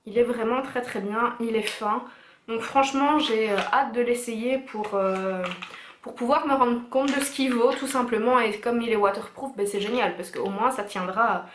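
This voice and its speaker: Young woman, beauty vlogger, casual haul chat, eager and chatty, fairly high voice, echoey room. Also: moderate pace, fairly bright tone, slight background noise. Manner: chatty, enthusiastic, many fillers.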